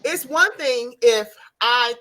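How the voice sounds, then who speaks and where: A woman's voice: on the high side, animated, slow pace, bright, forceful tone. A woman co-host in a casual group chat, insistently repeating herself to press a point. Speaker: podcast co-host.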